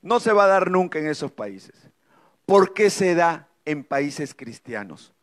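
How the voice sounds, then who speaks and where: A middle-aged man giving an emotional testimony as a speaker at a church conference, preaching with dramatic pauses. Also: fairly high pitch, big pitch swings.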